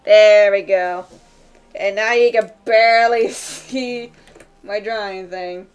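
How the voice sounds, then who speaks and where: A woman streamer chatting casually while she draws, rambling with many fillers and quick laughs. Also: medium pitch, steady tone, clean tone. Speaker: streamer drawing live. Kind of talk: casual chat while drawing. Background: faint background music.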